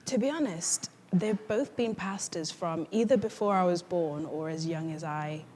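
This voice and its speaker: A young woman who grew up in Norway and then the UK tells her story as a guest in a casual interview, chatty and reflective with many fillers. Her voice is fairly low and darkish in tone, at normal speed. The recording has long reverb and faint background noise.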